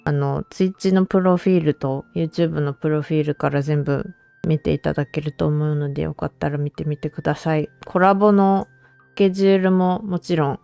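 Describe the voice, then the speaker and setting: A woman's voice: deep voice, steady tone, moderate pace, vocal fry, dark tone, clean tone, no echo, faint music behind. A woman streamer chatting casually and informally to viewers on a livestream.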